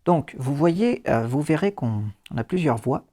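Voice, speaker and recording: A man's voice: on the high side, expressive, a little slow, dark tone. A man hosting a casual phone accessibility tutorial, explaining settings with fillers and the odd dry joke. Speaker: host. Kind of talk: casual screen-reader tutorial.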